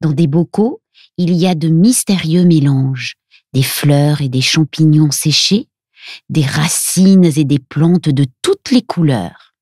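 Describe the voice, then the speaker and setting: A woman reads a children's Christmas story aloud with a soft, gentle delivery. Her voice sits a little low and has a breathy edge. The close recording is dry, with no room around her. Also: takes it slowly, no echo. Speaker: narrator.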